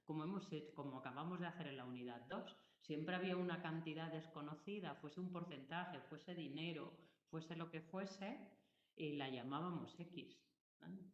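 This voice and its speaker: A woman with a low-sitting voice speaks at normal speed while teaching a math lesson. She patiently works through each step and makes sure the class is keeping up. The audio is roomy, dull and lo-fi.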